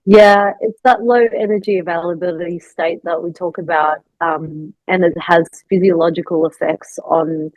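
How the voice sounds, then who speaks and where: Low-voiced woman coaching calmly. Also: moderate pace, few pauses, no echo, low-quality recording. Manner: reassuring, advisory, thinks aloud with fillers. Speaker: bodybuilding coach and host. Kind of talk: casual podcast conversation.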